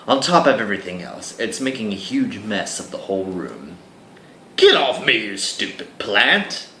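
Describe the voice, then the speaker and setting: A man's voice: sits low, reverberant, a little hiss or hum, poor audio. A man hosting a let's play, reading a visual novel aloud and chatting with viewers between lines. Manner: chatty, animated, asides to viewers. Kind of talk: casual game commentary with dramatic reading.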